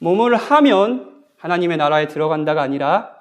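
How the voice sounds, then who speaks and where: A man's voice: a little high, expressive, moderate pace. A man, a guest pastor, preaching a sermon at a church Bible conference in a conversational way, often asking the congregation questions. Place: church sanctuary.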